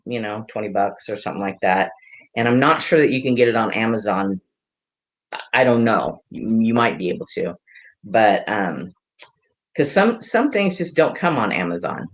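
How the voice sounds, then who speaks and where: With a bass voice and an animated, normal-speed delivery, this woman hosts a live hair tutorial. She's a hairdresser who owns a salon, and she rambles along, chatting and laughing with her viewers.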